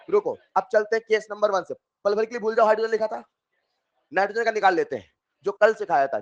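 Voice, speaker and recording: A man teaching chemistry in an online class, coaxing his students with repeated questions and bursting into loud emphasis. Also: sits high. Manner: coaxing, repeats questions to students, calls them dear children. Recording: dull lo-fi sound.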